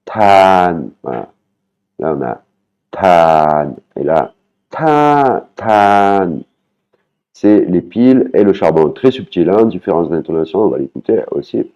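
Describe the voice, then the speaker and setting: Man, language teacher, very low voice, unhurried, repeats words to show the tones, dull lo-fi sound. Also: lively intonation, warm tone. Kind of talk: spoken language lesson.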